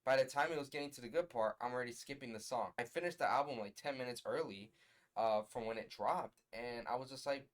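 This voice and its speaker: A young man in his twenties gives a casual album review from his bedroom. He talks bluntly and sounds exasperated, jumping to loud emphatic bursts. His voice sits at an ordinary middle pitch for a man. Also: quick pace. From US West Coast. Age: 20s. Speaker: music reviewer.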